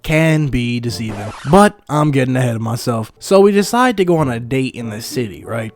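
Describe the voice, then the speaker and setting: A man's voice: medium pitch, lively intonation, normal speed, soft background music. A young man from Montreal, telling a comedic story in a casual, crude style full of slang and joking asides. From Montreal, Canada. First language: English. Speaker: animated storyteller. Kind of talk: comedic story time narration.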